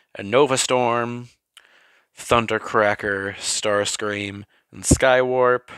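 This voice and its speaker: A man's voice: on the low side, pushed and bright, no echo. A man casually walking through his toy collection, rambling, correcting himself and getting worked up in short rants.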